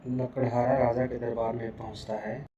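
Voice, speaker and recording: Male narrator, scripted cartoon storytelling, monotone delivery, mid pitch, noticeable background noise. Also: moderate pace, dull audio.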